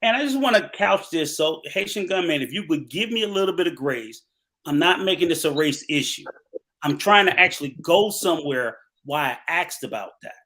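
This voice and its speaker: A man making his point forcefully in a livestream discussion, talking fast then slowing for emphasis. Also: a little high, expressive. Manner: emphatic, argumentative, speeds up and slows down.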